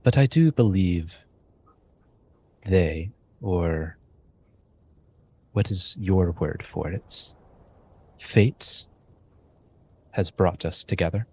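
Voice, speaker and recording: A man's voice: low voice, darkish tone, slight background noise. A man doing a grave blind shaman. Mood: solemn. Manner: slow, grave, measured delivery.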